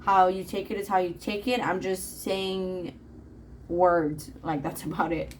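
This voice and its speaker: A woman's voice: fairly low pitch, fairly even intonation, unhurried, slight background noise, poor audio. A woman reading tarot cards in a casual, rambling monologue with plenty of fillers. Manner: chatty, rambling, frequent fillers. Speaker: tarot reader.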